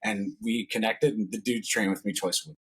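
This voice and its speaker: A man's voice: on the low side, fairly even intonation, a bit bright, husky. A man, a personal trainer and podcast guest, telling stories in a loose, slangy, casual way. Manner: fast, loose, slangy storytelling.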